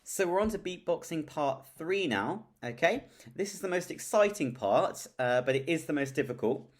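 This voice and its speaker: A man's voice: on the high side, lively intonation, moderate pace. A man leading an online singing lesson, encouraging and counting the beats aloud. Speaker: singing teacher. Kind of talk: upbeat virtual group lesson.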